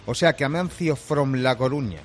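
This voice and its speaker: A man's voice: mid-range voice, normal speed. A man co-hosting a morning radio show, telling stories with lots of laughter. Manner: lively, laughing, storytelling. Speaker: radio co-host. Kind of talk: casual radio banter.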